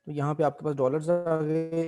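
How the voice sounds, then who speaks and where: Over background music, a male Excel instructor with a voice on the high side talks at a normal speed. His screen-recorded tutorial covers spreadsheet tasks one step at a time, delivered at an even teaching pace and sprinkled with English terms.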